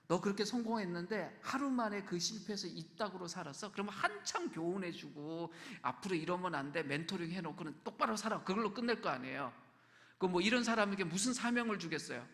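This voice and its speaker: Male pastor, slightly high and gravelly, conversational sermon delivery in a reverberant church. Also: animated, a little fast. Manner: conversational preaching, asks the congregation questions, drops to soft whispers. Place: church sanctuary.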